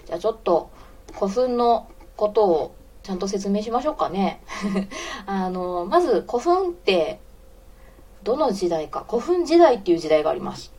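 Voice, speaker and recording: Woman around forty, Kansai accent, mellow tone; chatty, giggly live-stream host who greets listeners mid-story. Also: mid-range voice, sing-song, moderate pace, breathy edge. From Osaka. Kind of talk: casual live radio chat, reading listener comments.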